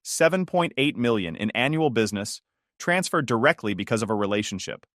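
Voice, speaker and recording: A man narrates a first-person story in a steady, measured voice that sits at an ordinary middle pitch. The sound is close and dry, with no room around it. His delivery stays even from line to line. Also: no echo.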